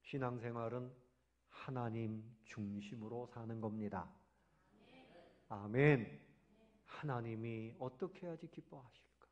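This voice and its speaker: A man preaching a sermon as pastor, swinging between loud emphatic swells and soft low drops, sometimes acting out voices in his story. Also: unhurried, pauses often, muffled recording. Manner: acts out dialogue voices of the sons and father.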